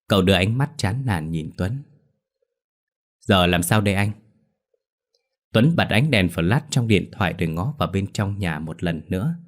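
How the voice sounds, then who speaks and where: A man narrating a ghost story in a very low, deep voice. He tells it in a steady, even manner, like a spoken audiobook.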